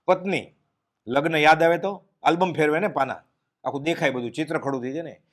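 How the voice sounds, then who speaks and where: Man giving a devotional discourse. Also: a little fast. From Gujarat, India. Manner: storytelling, mixing in English words, voice dropping low and quiet for solemn moments. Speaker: spiritual speaker giving a discourse.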